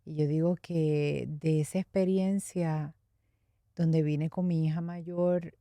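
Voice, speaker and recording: A middle-aged Puerto Rican woman speaks with a low, mellow voice and a Puerto Rican accent. She recounts her past candidly and reflectively, with a light laugh now and then. The sound is dry and close. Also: steady tone, slow, no room sound. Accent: Puerto Rican Spanish. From Puerto Rico. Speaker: interview guest. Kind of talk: personal testimony in conversation.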